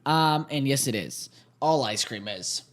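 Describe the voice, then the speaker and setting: Male podcast co-host, jokey, laughs often, pitch leaps all over in loose casual chat. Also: expressive, unhurried. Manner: playful, laughing banter.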